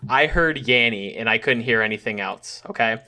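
A young man from Western New York with a nasal voice, hosting a casual podcast chat with fillers and pauses. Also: medium pitch. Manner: relaxed, hesitant with fillers. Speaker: podcast host.

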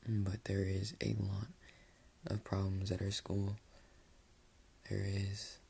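A sleepy young man talks through a late-night solo podcast from his bed. His low, gravelly voice drags slowly as he rambles with plenty of fillers. A faint hiss sits under the recording. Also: monotone, dark tone. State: sleepy with a dry voice. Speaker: podcast host. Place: bedroom, sitting on his bed.

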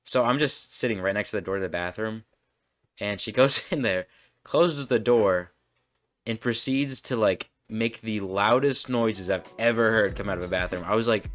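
A man's voice: lowish voice, moderate pace, fairly bright tone. A young man hosting a podcast, rambling through a casual monologue, often breaking off and laughing at himself. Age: young adult. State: burping, hiccups. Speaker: podcast host.

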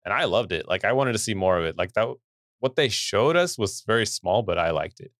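A man's voice: on the low side, expressive, fairly quick, fairly bright tone, dry recording, clean studio sound. A man hosting a podcast, talking casually and enthusiastically with his co-host. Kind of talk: casual chat.

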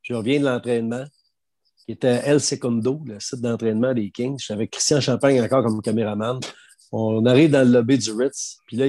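A middle-aged man with a Quebec French accent, a guest storyteller, shares anecdotes in casual conversation full of slang. His medium-pitched voice is animated, recorded with no room sound.

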